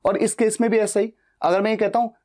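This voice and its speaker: Male online English tutor, mellow tone, patient explainer who asks and answers his own questions. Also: high-pitched, level tone. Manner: reads English example sentences slowly and deliberately. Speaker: spoken English teacher. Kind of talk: explanatory grammar lesson.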